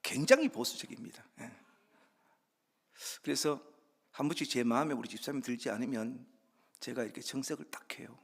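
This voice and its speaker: A man preaching a sermon as guest pastor, conversational and acting out little dialogues, with soft asides between louder lines. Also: mid-range voice, brisk, creaky, long pauses. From Andong, South Korea. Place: church sanctuary. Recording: reverberant church hall.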